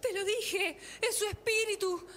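A melodramatic woman as a seance medium, with a very high, bright voice. She invokes spirits theatrically and morbidly in a comic drama. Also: fairly even intonation, measured pace. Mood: mournful, eerie.

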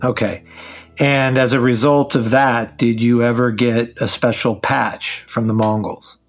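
Defense attorney: mid-range voice, measured, methodical questioning, dramatized trial podcast. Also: male voice, medium pitch, level tone. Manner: deliberate, short leading questions. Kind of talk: re-enacted direct examination.

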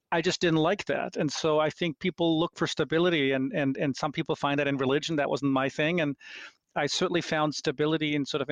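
A middle-aged man from Austria, a scientist guest giving reflective answers, halting and restarting as he thinks. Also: fairly high pitch, no room sound. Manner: thoughtful, halting with many restarts.

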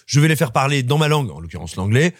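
Quick analytical man discussing film. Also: mid-range voice, big pitch swings, no echo, studio quality. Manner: analytical, earnest, quick-talking. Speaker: film critic. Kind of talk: casual film review chat.

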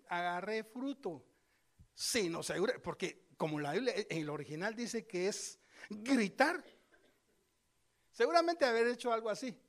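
A male preacher giving a sermon, telling scripture stories with lively asides and speaking straight to his congregation. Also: high voice. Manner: lively storytelling, acts out scripture voices; addresses congregation directly, conversational asides.

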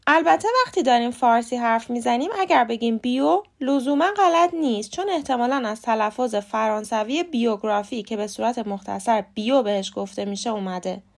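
Female podcast teacher, a somewhat high voice, who spells words out slowly in a short scripted lesson. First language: Persian. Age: adult with a young son. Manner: clear, measured, spells words out letter by letter. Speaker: podcast host, English pronunciation teacher.

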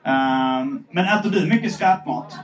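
A man's voice: on the high side, animated, recorded from a distance, soft background music, rough recording. A man hosting a live podcast on stage in front of an audience, chatting with many hesitant fillers. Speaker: podcast host. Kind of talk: live podcast chat, reading listener letters. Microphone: handheld microphone.

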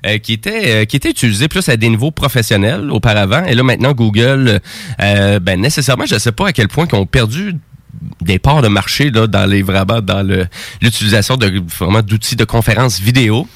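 A man's voice: on the low side, expressive, a little fast, no room sound, studio quality. A man with a Quebec French accent co-hosting a casual radio talk show, explaining at length with many fillers. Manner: rambling, explanatory, heavy with fillers. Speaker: radio co-host. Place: radio studio.

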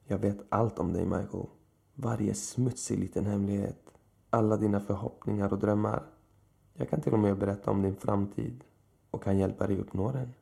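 A cruel, seductive supernatural woman, as a man reads her lines, cold and condescending, mocking her victim from above. The voice sits low and gravelly, with a dark, muffled tone. It comes across as a storybook villain. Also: steady tone.

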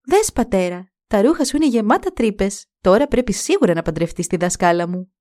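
A woman's voice: medium pitch, sing-song, mellow, natural voice. Woman voicing a frightened young princess. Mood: pleading. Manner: tremulous, calling out in panic. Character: high-pitched young princess, frightened girl.

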